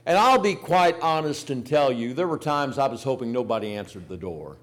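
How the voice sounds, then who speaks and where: A man's voice: medium pitch, expressive, fairly quick. An older man preaching a sermon, telling folksy personal stories and rising to emphatic points. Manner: folksy storytelling with emphatic rises. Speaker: pastor.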